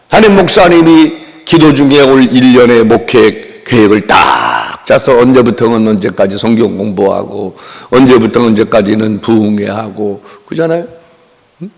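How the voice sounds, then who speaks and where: A man's voice: medium pitch, lively intonation, normal speed, gravelly. A man preaching a revival sermon in a church sanctuary, calling for amens and acting out the people he describes. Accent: Korean. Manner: call-and-response preaching with mimicry. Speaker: pastor. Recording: long reverb of a church hall.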